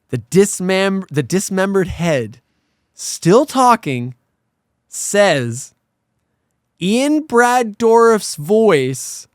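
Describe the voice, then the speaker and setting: A man co-hosting a casual film discussion, retelling things in an animated, sweary way and acting out quotes. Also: high-pitched, dry recording, clean studio sound. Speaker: podcast co-host.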